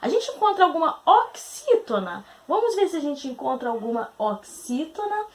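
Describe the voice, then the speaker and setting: A woman teacher from Brazil going through quiz answers, asking questions aloud, answering them herself and spelling out syllables slowly. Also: high voice, sing-song. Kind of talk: recorded grammar lesson.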